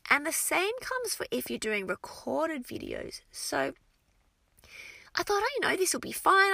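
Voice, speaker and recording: A bright, lively woman teacher. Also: high voice, creaky, no echo. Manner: expressive and energetic, with frequent restarts. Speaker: French teacher for young children. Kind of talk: casual advice talk to fellow teachers.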